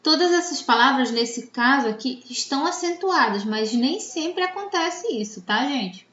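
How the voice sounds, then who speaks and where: A Brazilian woman teacher with a Brazilian Portuguese accent explaining a lesson slowly and checking in with her students. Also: high-pitched, lively intonation, fairly bright tone, echoey room, dull audio. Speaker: Spanish teacher. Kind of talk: recorded classroom lesson.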